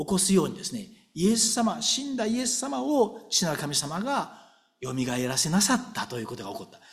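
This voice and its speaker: A man preaching a sermon in a conversational way, often checking in with his listeners and acting out prayers as he speaks. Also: high-pitched. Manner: conversational preaching with frequent tag questions to the congregation; animated and expressive, acting out prayers aloud. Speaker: pastor.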